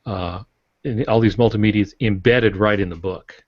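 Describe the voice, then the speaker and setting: Here a man with a lowish voice talks steadily at a moderate pace. Appearing as a podcast guest author, he explains his views in a chatty, homespun, opinionated manner over roomy, dull lo-fi audio.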